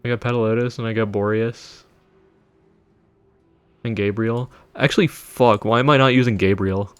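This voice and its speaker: A man's voice: fairly low pitch, steady tone, moderate pace, clear, resonant tone, no echo. A man casually chatting while streaming a video game, loose and sweary with frequent laughs. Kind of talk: casual gameplay livestream chat.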